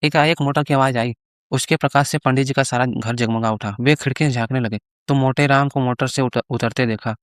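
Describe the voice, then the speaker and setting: A man narrating a classic short story in measured storytelling. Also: mid-range voice, fairly even intonation, no room sound, studio quality. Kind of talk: scripted story reading.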